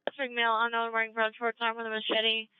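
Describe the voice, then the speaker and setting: A police dispatcher broadcasting clipped codes and street names over police radio, in a rapid flat delivery. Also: mid-range voice, clear, resonant tone, no room sound. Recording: tinny distant police radio.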